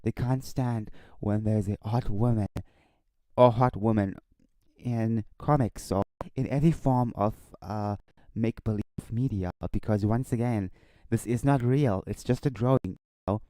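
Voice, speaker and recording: A man giving casual off-the-cuff video commentary in a halting, repetitive way, stumbling over his words. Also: fairly low pitch, warm tone, no room sound. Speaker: online commentary video host.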